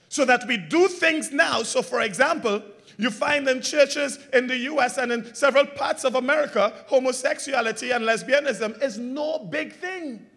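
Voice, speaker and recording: A man preaches a sermon as pastor, calling out questions for the congregation to answer back. His lines alternate between loud and emphatic and quiet and low.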